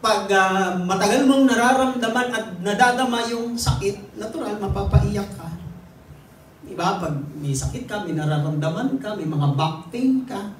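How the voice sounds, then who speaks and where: A high-voiced man with a Filipino accent preaches to his congregation, explaining scripture in a mix of Tagalog and English with the odd light joke. He sounds set back from the microphone in a big reverberant hall, with a faint hum of the room behind him. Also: moderate pace. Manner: teaching, mixing Tagalog and English, with light jokes. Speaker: lay preacher. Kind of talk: sermon. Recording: echoey room, distant mic.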